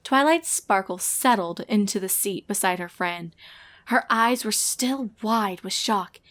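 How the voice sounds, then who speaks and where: A woman who reads and narrates fan fiction delivers scripted story narration in a measured, expressive storytelling manner, her voice medium in pitch.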